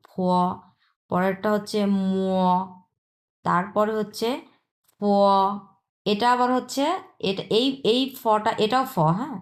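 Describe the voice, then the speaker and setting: A woman from China, teaching a pronunciation lesson and patiently repeating sounds one by one. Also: mid-range voice. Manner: patient, repeats sounds slowly, asks "হ্যাঁ?" often. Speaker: Chinese language teacher.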